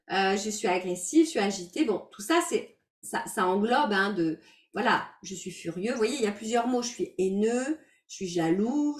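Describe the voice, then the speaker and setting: A woman working as a life coach, teaching an online workshop in an explanatory, gentle way with many filler words, heard over a video call. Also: a little high, recorded from a distance. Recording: roomy sound from away from the mic.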